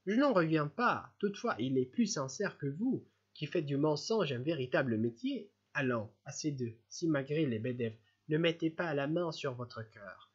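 A man's voice: on the high side, animated, normal speed, few pauses, slightly rough, dull audio. A man reading the part of an earnest, upright young prince who questions others in a reproachful, insistent way.

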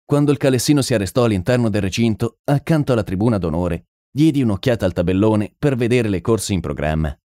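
A man narrating a detective story in a measured audiobook reading. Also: lowish voice, animated, warm tone, no echo, clean studio sound. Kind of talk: scripted narration.

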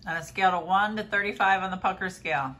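A woman's voice: medium pitch, fast, bright, forceful tone, slight background noise. A woman chatting casually from behind the camera in a room at home, asking questions as an off-camera helper. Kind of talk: casual chat. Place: small room at home, indoors.

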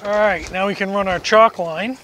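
A middle-aged homesteading vlogger with a fairly high voice narrates a building job outdoors at a wooded barn, casually explaining each step as he works and cracking self-deprecating jokes. His intonation is fairly even and his speed normal. A camera mic picks him up from a little distance, with faint outdoor noise behind.

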